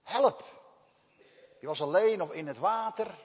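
Male pastor, sermon, high animated husky voice, loud cries and soft asides, church reverb. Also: unhurried.

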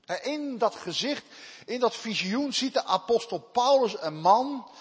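Male pastor, sermon, high animated husky voice, loud cries and soft asides, church reverb. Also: a little slow.

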